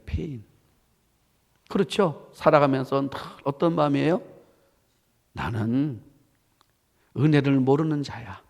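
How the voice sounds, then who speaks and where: A man preaching a sermon as pastor, telling the story with lively questions to the congregation. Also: fairly high pitch. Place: church sanctuary. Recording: church hall reverb.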